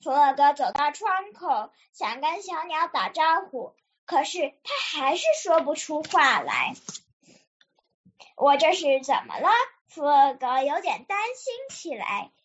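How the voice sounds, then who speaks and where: High-voiced young girl reading a story. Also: sing-song, measured pace, hardly any pauses, fairly bright tone, dull audio. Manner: earnest, careful read-aloud with small slips. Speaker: child storyteller. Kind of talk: reading a children's story aloud. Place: radio program.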